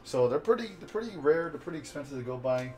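A young American man with a raspy voice, chatting casually to camera in a rambling, jokey, laid-back way as he hosts an unboxing vlog. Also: mid-range voice, animated, quick pace, darkish tone, soft background music. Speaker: host of a card unboxing vlog. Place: small bedroom, indoors.

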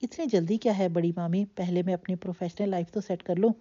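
A woman's voice: fairly low pitch, fairly even intonation, dark tone, highs cut off, lightly acted. Woman reading as a playful, affectionate young man. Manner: light, playful, soothing.

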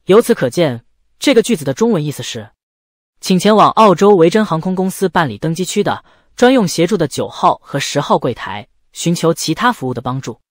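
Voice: mid-range voice, big pitch swings, a little fast. A language lesson presenter giving scripted, methodical explanations as instructional narration.

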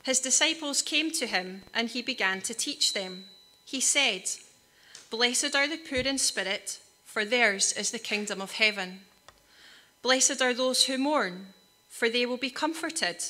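A Scottish woman reading Bible passages aloud to a church congregation in a measured, careful way. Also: a little high, expressive, pushed and bright. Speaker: congregation member reading scripture.

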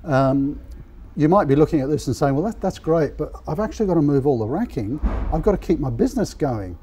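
A man's voice: a little high, expressive, a little fast, mellow, slight background noise. A man in his fifties hosting an interview in a large warehouse, upbeat and chatty, with a lapel mic. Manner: upbeat, chatty, frequent "yeah" affirmations. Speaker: host. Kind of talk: on-site interview.

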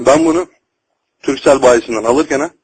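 A man's voice: medium pitch, huge pitch swings, measured pace, gravelly, slightly rough. A man making a heated, foul-mouthed, confrontational complaint as a customer over a landline phone. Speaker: customer calling a phone company helpline. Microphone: telephone line. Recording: noisy landline phone call recording.

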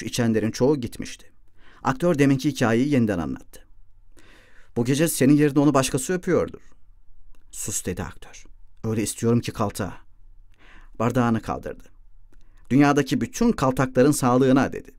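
A man narrates a literary novel in a measured, mid-pitched voice, nudging his tone up for quoted dialogue. The sound is close and dry, with no room around it. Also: darkish tone, no room sound. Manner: reads dialogue in lightly shifted voices. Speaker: audiobook narrator. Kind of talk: literary audiobook reading.

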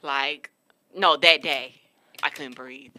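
A bright-voiced woman in her 20s co-hosts a podcast, telling stories in a candid, profane casual chat from a studio room with a city backdrop. Her voice is also deep, with fairly even intonation and a slow pace.

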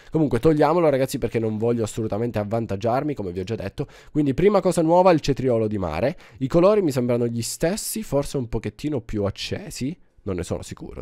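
A man with a cold and sore throat giving excitable, exclamatory gameplay commentary to his viewers. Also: fairly low pitch, no echo, studio quality. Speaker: gaming YouTuber.

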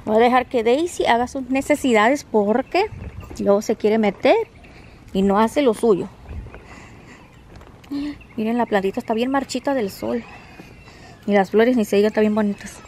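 A woman's voice: fairly high pitch, normal speed, long pauses, darkish tone, slight background noise, poor audio. A Mexican woman chatting casually in a vlog, talking to her dogs in squealy baby talk, filmed on a handheld phone in a car and a sunny yard. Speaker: vlogger.

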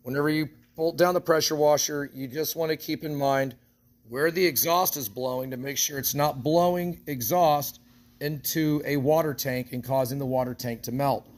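A man's voice: a little high, steady tone, normal speed. A man from an equipment shop explaining step by step how to build a trailer rig, talking practically while he handles the parts. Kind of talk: hands-on how-to walkthrough.

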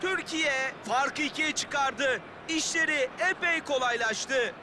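Over loud background noise, a male football commentator calls the match in a very high, excited voice. He delivers play-by-play with raised energy, calling out players and goals for a football game. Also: slow pace.

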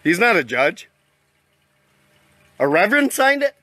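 A man's voice: sits high, big pitch swings, unhurried, pushed and bright. A man in a standoff with police, arguing defiantly, interrupting and repeating himself on a phone live stream. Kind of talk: heated argument, live-streamed.

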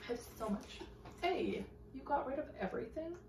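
A woman's voice: high-pitched, lively intonation, normal speed, recorded from a distance, noisy background. A woman vlogging at home, muttering to herself, swearing and joking in exasperation. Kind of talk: casual chatter to camera. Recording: roomy echo from off-mic.

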